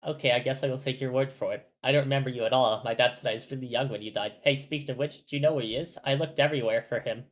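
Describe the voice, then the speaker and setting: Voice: mid-range voice, steady tone, very fast, hardly any pauses, close to an everyday voice. A reader voicing an earnest, slightly bewildered teenage boy speaking plainly and politely. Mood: puzzled.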